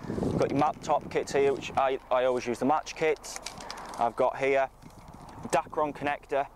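The man's mid-range voice keeps a fairly even intonation at a moderate pace. He's a fishing coach giving a casual, matter-of-fact lesson to camera on a lakeside bank, with outdoor ambient noise behind him.

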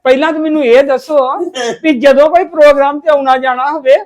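A woman's voice: high-pitched, fairly even intonation, fairly quick, a little mellow, close to an everyday voice. A middle-aged woman playing a mother in a family drama, who nags and frets as she talks. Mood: fretful. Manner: fretful, scolding, bossy. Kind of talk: acted family drama dialogue.

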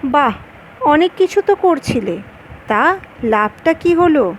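A woman's voice: high-pitched, big pitch swings, slow pace, a little hiss or hum, heavily acted, rough recording. A woman reading the lines of a grown woman in love, wistful and playfully stubborn, in her own voice.

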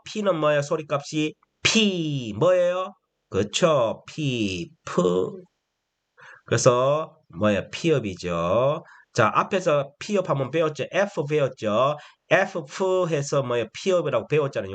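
A man's voice: a little high, sing-song. A man teaching a phonics lesson to older learners, asking questions again and again and pushing out each letter sound for them to repeat. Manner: slow, repetitive call-and-response questioning; prompts answers with emphatic letter sounds.

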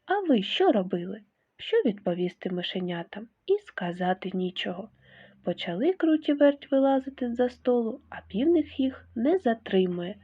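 A woman teacher reading a fairy tale aloud to young children in an expressive storytelling manner. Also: a little high, moderate pace, breathy edge. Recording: tinny phone-like sound.

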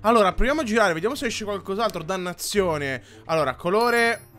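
A man hosts a gaming video with a high, bright voice that swings widely. His commentary is exclamatory and mock-exasperated, addressed straight to his viewers. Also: lively intonation, brisk, soft background music. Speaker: gaming YouTuber host. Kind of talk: lively game commentary to viewers.

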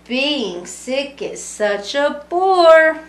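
A middle-aged woman, an early childhood education student, reads a rhyming picture book aloud to young children, adding little explanatory asides. Her high voice is sing-song and very slow. It's a roomy, echoing home recording made in a small room with a brick wall.

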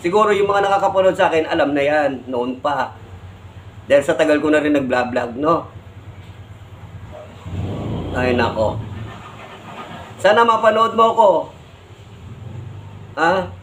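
A man's voice: fairly high pitch, moderate pace, long pauses, slight background noise, poor audio. A man with a Filipino accent, a vlogger scolding another vlogger as he explains, ending his points with tag questions. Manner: lecturing, repeats "no?" and "di ba?" as tags.

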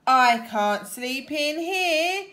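A woman voicing a sleepy, fussy little female ladybird who complains in slow, drawn-out words. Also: high voice, lively intonation, a bit bright, pitched above the performer's own voice, exaggerated voice. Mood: complaining.

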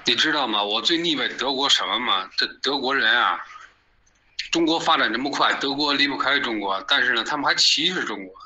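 Bright-voiced man. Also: medium pitch, a little fast, rough recording. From China. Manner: animated, argumentative, keeps asking "you know?". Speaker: interview guest. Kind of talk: casual opinionated chat.

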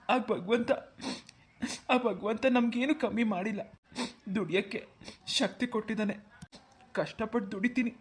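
Woman doing a soft sorrowful young man. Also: mid-range voice, natural voice. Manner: soft, grateful, tearful. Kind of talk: cartoon voice acting.

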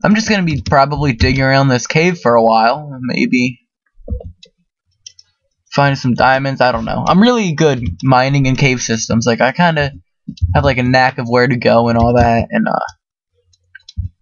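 A man's voice: medium pitch, moderate pace, pauses often, no room sound, lo-fi sound. A man giving casual, rambling let's-play commentary as a gaming video host, full of fillers.

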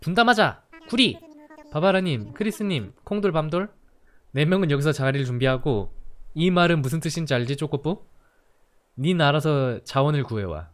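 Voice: mid-range voice, lively intonation, moderate pace. A game streamer chatting casually while playing, playful and teasing, cursing in jest and gushing over cute characters. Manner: playful, teasing, swears jokingly, gushes over cute things. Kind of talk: casual let's-play chat.

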